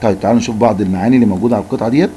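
A man's voice: on the low side, racing, dark tone, slight background noise, low-quality recording. A male Arabic teacher with an Egyptian Arabic accent giving a recorded lesson, patiently repeating words to drill them.

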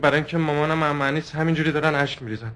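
A man voices a stiff, overprotective patient. His answers come defensive and halting, in a slightly high voice. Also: a bit bright, lightly acted.

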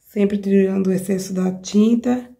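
At her craft table indoors at home, a Brazilian craft tutorial host with a cold shows a project step by step in a voice that is hoarse yet mellow. She speaks with a Brazilian Portuguese accent, a mid-range pitch and a steady tone, a little slowly. Chatty throughout, she talks directly to the audience and frequently checks they're with her.

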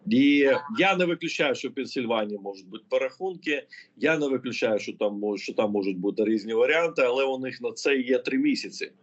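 A man's voice: mid-range voice, expressive, fast talker. A man working as a political analyst, answering interview questions in an explanatory way, thinking aloud as he goes. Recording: muffled lo-fi audio.

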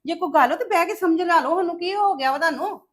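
Actress as a shrill, scheming sister-in-law in a family drama, taunting and accusing. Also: female voice, fast talker. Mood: alarmed. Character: scheming sharp-tongued woman, sister-in-law of the household. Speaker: actor in a family web drama.

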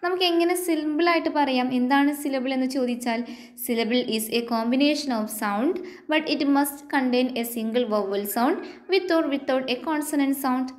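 A woman with a Malayali accent gives an exam-prep lesson in a high, unhurried voice. She reads out definitions slowly and stops to ask the viewer whether it is clear. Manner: slow English definitions dictated, then explained; asks the viewer check questions. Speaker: teacher. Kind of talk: exam-prep lecture mixing Malayalam and English.

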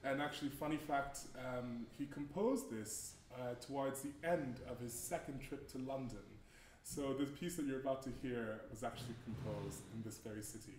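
A man's voice: mid-range voice, normal speed, a little mellow. A young man from Canada introducing the program at a concert, friendly and hesitant with many fillers. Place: church hall. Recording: roomy church echo, faint noise.

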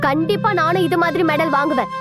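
A woman's voice: very high voice, quick pace, over loud music. An earnest young girl.

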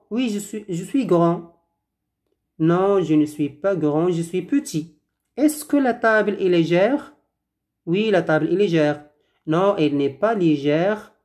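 A woman's voice: fairly low pitch, warm tone. A woman teaching a French grammar lesson, patiently asking and answering drill questions and repeating words for pronunciation.

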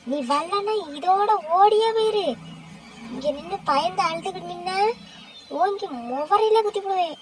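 A woman's voice: very high voice, moderate pace, crowd noise. Woman voicing a bossy threatening woman. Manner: threatening, sharp-tongued, rural slang. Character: bossy scolding village woman, greedy for gold. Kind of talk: cartoon voice acting.

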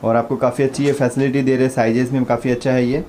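A man's voice: mid-range voice, level tone, fast, a little mellow, a little hiss or hum. A man, a vlogger asking brief questions and giving short agreeing replies in a casual shop visit. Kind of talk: casual vlog interview.

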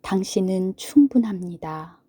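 A woman gently narrating a sleep meditation in a soothing, hushed manner, with long pauses between phrases. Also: mid-range voice, animated, dry recording. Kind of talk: sleep story narration, guided Buddhist relaxation.

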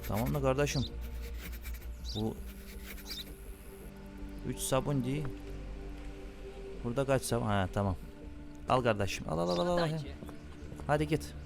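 A man commenting casually on his own gameplay, muttering to game characters and often bursting into loud, irritated yelling at them. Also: medium pitch, measured pace, vocal fry, long pauses, over music. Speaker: gaming channel host.

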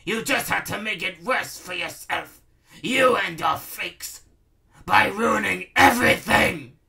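Man doing a loud, raging villainous baron. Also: high-pitched, animated, slow pace, gravelly, far from the mic, pitched above the performer's own voice, full character voice. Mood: ranting. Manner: ranting, blustering. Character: raging, sneering villainous baron, petulant male tyrant.

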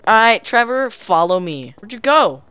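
Female gamer, playful casual banter, lively swooping delivery. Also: on the high side, moderate pace, smooth, dry recording. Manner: giggly and playful. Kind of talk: casual chat while playing a game.

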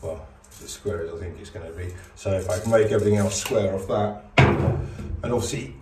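A man's voice: lowish voice, fairly quick, distant mic. Man talking through boat work. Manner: practical, matter-of-fact, talks while working. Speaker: DIY boat builder. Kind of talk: casual how-to narration. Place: inside a narrowboat hull under construction. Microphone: camera mic, speaker moving near and away. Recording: echoey hollow hull, off-mic at times, work noise.

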